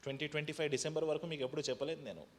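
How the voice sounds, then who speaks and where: A man preaching a sermon as pastor, moving between loud, high calls to the congregation and quiet, personal testimony, with English phrases mixed in. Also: steady tone, racing, slight background noise.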